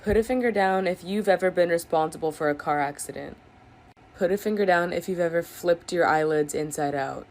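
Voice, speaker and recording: A woman's voice: on the low side, brisk, a little mellow. A woman reading out challenge prompts in a playful, amused way.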